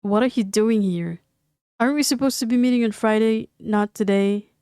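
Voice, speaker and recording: A woman's voice: a little high, warm tone, clear, resonant tone, dry recording, studio quality, lightly acted. A woman reading as a flustered, firm young woman. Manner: stammering, hurried.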